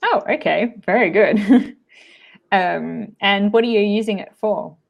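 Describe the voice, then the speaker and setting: An Australian woman teaching English in a casual online chat, often pausing with "um" and laughing easily. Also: mid-range voice, vocal fry. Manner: giggly, hesitant with frequent ums. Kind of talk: casual conversation lesson.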